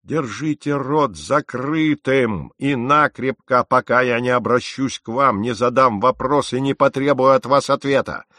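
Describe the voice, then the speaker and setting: A man's voice: mid-range voice, normal speed, dry recording, studio quality, lightly acted. A man voicing a stern, furious naval captain in an audiobook, sarcastic and commanding. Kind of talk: audiobook character reading.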